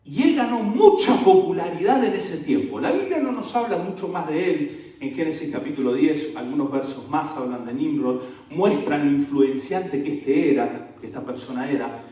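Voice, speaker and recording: A male pastor preaching a sermon with animated energy, throwing questions out to his congregation. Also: fairly high pitch, moderate pace, few pauses. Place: church sanctuary. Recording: echoey church hall, mic at a distance.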